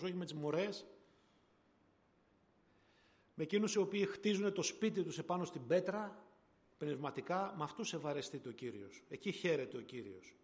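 A man preaching a sermon in a conversational way that grows emphatic, in a church hall. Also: fairly high pitch. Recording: long hall reverb.

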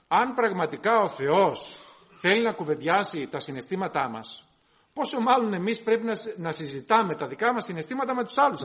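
High-voiced man preaching earnestly. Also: a bit bright. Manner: earnest, repetitive, exhorting. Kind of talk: sermon.

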